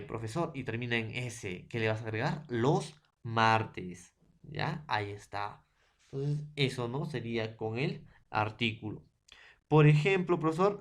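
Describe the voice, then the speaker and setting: A man with a Peruvian accent teaching a grammar lesson to secondary students, listing word pairs and checking in with the class often. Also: medium pitch. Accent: Peruvian Spanish. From Peru. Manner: lists word pairs one by one.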